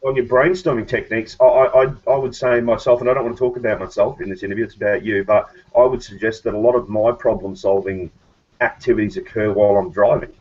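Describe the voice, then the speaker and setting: Fast-talking man in his fifties interviewing. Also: on the low side, steady tone, darkish tone. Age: 50s. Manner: chatty, asks long wandering questions. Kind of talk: casual interview questions. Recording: dull lo-fi interview audio.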